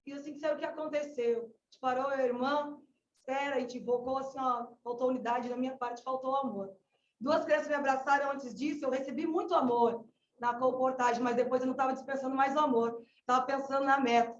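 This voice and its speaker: A woman from southern Brazil with a Gaúcho accent shares her missionary testimony, crying out to the Lord again and again. Her voice sits high, and it sounds distant and slightly muffled, ringing in a reverberant space. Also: steady tone, brisk, a little hiss or hum. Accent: Gaúcho Brazilian Portuguese. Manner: fervent, exclamatory, often calling out to the Lord. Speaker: missionary colporteur. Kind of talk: emotional religious testimony. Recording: echoey, distant, dull-sounding room recording.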